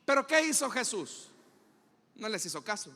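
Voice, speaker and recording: A man's voice: high-pitched, sing-song, moderate pace, bright, forceful tone, big-room sound. A male pastor with a Salvadoran accent preaching a dramatic sermon in a church, full of rhetorical questions and acted-out scenes.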